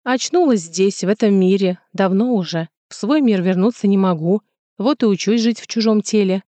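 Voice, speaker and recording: A woman's voice: mid-range voice, normal speed, warm tone, dry recording, lightly acted. A woman voicing a flustered, bewildered young heroine stranded in a strange world, in an audiobook. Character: frightened young woman lost in another world. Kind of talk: audiobook character voice.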